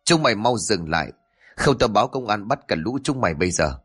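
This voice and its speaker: A man's voice: lowish voice, expressive, fairly quick, fairly bright tone, husky, soft background music. A man voicing a brave, devoted young man in a spoken story, speaking earnestly and with emotion. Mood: defiant.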